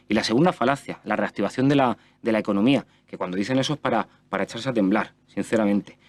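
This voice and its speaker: A man with a Spanish accent delivers a quick, insistent parliamentary speech, criticizing and pressing his points with small restarts. His voice sits at a middle pitch. The sound is dry and close to the microphone. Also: no room sound. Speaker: regional parliament member. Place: parliamentary chamber.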